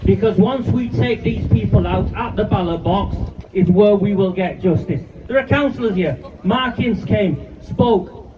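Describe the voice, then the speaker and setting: A man in his fifties giving an angry, defiant speech at an outdoor street protest, filmed from a distance. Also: sits high. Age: 50s. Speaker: rally speaker. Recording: distant, muffled live-stream audio with loud noise.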